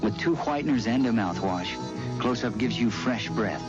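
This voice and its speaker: A man reading a scripted product pitch as a TV commercial announcer. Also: expressive, normal speed. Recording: dull old TV ad, loud music.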